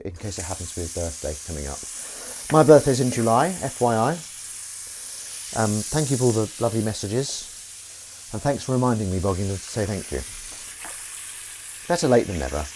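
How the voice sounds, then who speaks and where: A man's voice: lowish voice, a little mellow, slight background noise. A man chatting casually on a live stream while washing up at his kitchen sink, rambling and self-deprecating.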